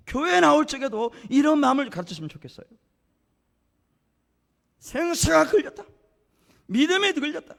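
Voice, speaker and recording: A man's voice: extremely high pitch, fairly bright tone. A male pastor preaching a sermon in a church, telling the story dramatically and putting rhetorical questions to the congregation. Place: church sanctuary. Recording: reverberant church sanctuary.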